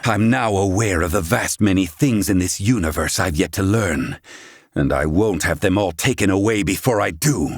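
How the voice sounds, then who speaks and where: A man voices a proud, gruff, middle-aged inventor for a fantasy video game, using formal, haughty, theatrical diction in a lowish voice. The recording is dry and studio quality.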